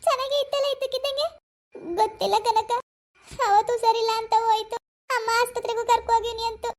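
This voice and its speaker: A woman's voice: very high-pitched, level tone, quick pace, slight background noise, pitched above the performer's own voice. A woman voicing a tearful young village wife in a cartoon, pleading and sobbing. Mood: alarmed. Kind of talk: animated cartoon voice acting.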